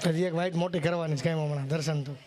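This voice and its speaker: High-pitched guy cracking folksy jokes on stage, teasing the crowd. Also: fairly even intonation, very fast. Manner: folksy, teasing, acts out characters in raised voices. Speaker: stage comedian. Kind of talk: live folk stage comedy, storytelling jokes. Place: live stage show with audience.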